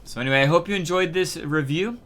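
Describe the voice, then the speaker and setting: A man's voice: a little high, quick pace, a bit bright. A man hosting a flight-game video, giving casual, rambling commentary full of fillers and restarts. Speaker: gaming video host.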